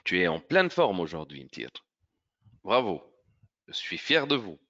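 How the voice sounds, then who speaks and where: A male teacher leads an online French grammar lesson for children, explaining slowly and carefully while encouraging pupils and praising them by name. His bright voice rises and falls with lively pitch, and the lo-fi audio comes across a little dull.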